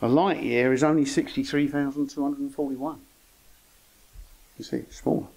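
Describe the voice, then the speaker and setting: A man's voice: mid-range voice, fairly even intonation, moderate pace, a little mellow, low-quality recording. An older man giving an informal lecture to an astronomy club, with dry, wry humour and chatty asides. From England.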